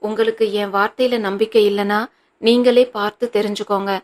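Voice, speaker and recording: A woman's voice: mid-range voice, little pitch movement, a little fast, natural voice. A woman voicing a tearful young wife who pleads earnestly with her husband in an audiobook reading.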